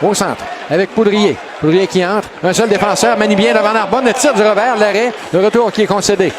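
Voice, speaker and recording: A man with a Quebec French accent giving excited play-by-play hockey commentary, calling the action in a raised voice. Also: high-pitched, fairly quick. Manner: excited, shouted calls of shots and goals. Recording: noisy arena, loud crowd behind. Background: loud crowd and rink noise.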